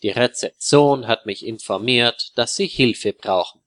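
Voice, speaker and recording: A man voicing a polite male hotel doctor who gives formal, calm advice in a storybook reading. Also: medium pitch, a little slow, natural voice. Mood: courteous.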